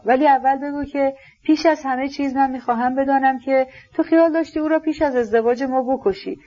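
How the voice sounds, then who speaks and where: A woman reading aloud, voicing a gentle, anxious young man who halts and searches for his words. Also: high-pitched, highs cut off, pitched above the performer's own voice.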